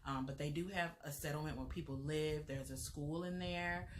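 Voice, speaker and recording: A woman's voice: deep voice, fairly even intonation, normal speed, slight background noise. Chatty young American woman vlogger. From United States. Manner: chatty, rambling, many fillers and restarts. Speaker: travel vlogger. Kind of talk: casual chat.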